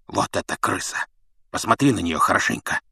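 A man voicing a grim male fugitive with a hoarse, rasping voice. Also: deep voice, lively intonation, a little fast, bright, forceful tone, dry recording, studio quality, heavily acted. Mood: strained.

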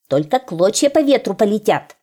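A woman's voice: medium pitch, big pitch swings, moderate pace, warm tone. A woman doing a sly mocking fox. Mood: threatening. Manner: mocking, taunting. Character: sly vixen, scornful and threatening.

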